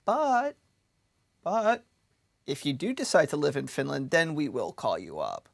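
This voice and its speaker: A young man with an American accent talks through his experience in a casual debate, leaning on "like" as he goes. His pitch swings a lot and his voice has a gravelly fry. The sound is dry and close. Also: sing-song, a little slow, dry recording. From United States. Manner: loose, filler-heavy storytelling with frequent "like". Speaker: debate guest supporting conscription.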